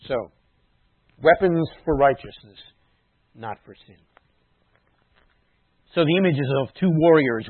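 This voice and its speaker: A man preaching a sermon in a teacherly way, explaining words and dropping into quiet asides. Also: medium pitch, no echo. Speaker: messianic rabbi preaching. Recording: dry tinny phone-like sound.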